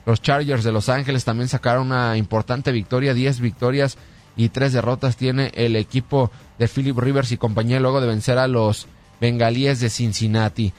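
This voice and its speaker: Male sports radio host, mid-pitched, brisk rundown read, light music bed. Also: fairly even intonation, darkish tone. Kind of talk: sports news rundown and interview.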